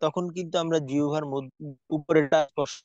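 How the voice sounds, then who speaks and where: A man teaching a tajweed lesson, explaining slowly and carefully with frequent pauses and fillers. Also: a little high, fairly even intonation, darkish tone, dry recording. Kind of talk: recorded lesson lecture. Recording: dull lo-fi recording, dry.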